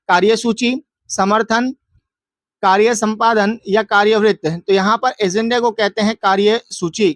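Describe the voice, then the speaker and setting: A man with a high voice goes through exam questions like a teacher. He poses each question aloud and answers it himself, repeating key words to drill them in. The sound is dry and close. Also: fairly bright tone, no room sound. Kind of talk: exam answer walkthrough lesson.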